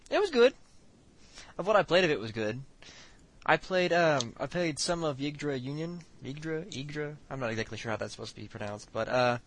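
A man's voice: on the high side, fairly bright tone. Hesitant man on a podcast. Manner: hesitant, stumbling restarts. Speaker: podcast co-host. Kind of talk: casual podcast chat.

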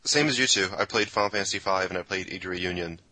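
A man on a casual podcast, talking quickly and enthusiastically. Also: deep voice, pushed and bright, no room sound, low-quality recording. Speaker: podcast co-host.

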